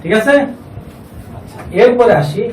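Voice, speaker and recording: In a call-and-response Quran reading class, a fairly high-voiced man speaks a little slowly, questioning students, echoing their answers, and stretching syllables into a chant. The distant recording catches an echoey room and a faint background hiss.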